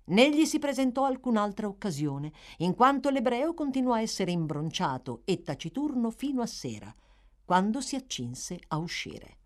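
A woman narrating a classic novel as an audiobook, measured and expressive. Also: a little high. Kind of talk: scripted literary narration.

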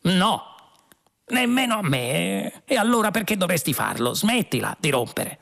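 A grumpy, half-asleep male alien adventurer whines and grumbles in a raised, rough voice, as a man reads him aloud. He sulks and protests about being woken up. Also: high voice, sing-song, unhurried, fairly bright tone, pitched above the performer's own voice, full character voice. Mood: sleepy grumbling. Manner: whiny and petulant.

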